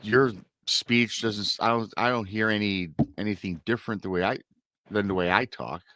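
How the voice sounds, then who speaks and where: A middle-aged man from Michigan, USA, with a Michigan American accent hosts a casual talk show, rambling and repeating himself. His voice is fairly low with sharp tone, fairly even intonation and a moderate pace, and there's no room sound.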